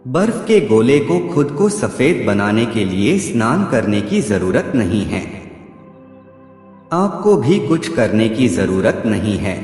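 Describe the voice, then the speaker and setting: A male narrator delivers scripted motivational quotes in short, measured phrases, his pitch swinging in a lively, expressive way. A long, hall-like reverb surrounds his voice, with music playing underneath.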